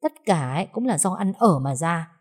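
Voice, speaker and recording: A woman voicing a defiant young daughter-in-law who speaks fast and cuttingly in a narrated story. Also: lowish voice, expressive, husky.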